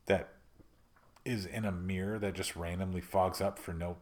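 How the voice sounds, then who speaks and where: Podcast co-host, male, Midwestern accent, sarcastic and exasperated, lower register. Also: fairly even intonation, darkish tone. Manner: joking and exasperated, quick sarcastic asides. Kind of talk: casual chat.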